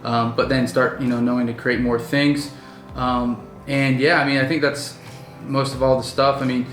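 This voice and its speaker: A man in his twenties hosts a casual business vlog, chatting loosely with lots of fillers and restarts. His mid-range voice is level and a touch bright, moving at a moderate pace. He's indoors at night, the sound is reverberant, and soft music plays underneath.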